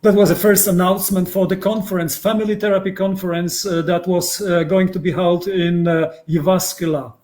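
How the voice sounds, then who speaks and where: Hesitant Polish-accented man, high voice. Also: fairly even intonation, a little fast, hardly any pauses, a little mellow. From Poland. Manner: hesitant, many fillers and restarts. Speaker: guest psychotherapist. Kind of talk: casual interview. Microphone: video call.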